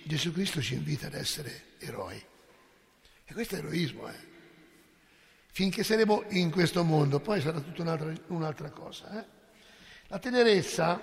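A man preaching a sermon, impassioned and rhetorical, swinging between hushed asides and loud exclamations. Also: high voice, creaky, long reverb tail. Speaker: priest.

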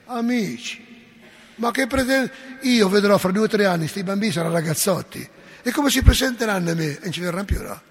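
A man's voice: high-pitched, expressive, a little fast, breathy edge. A man, a parish priest giving an impassioned, scolding sermon with folksy asides. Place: church. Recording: long church reverb.

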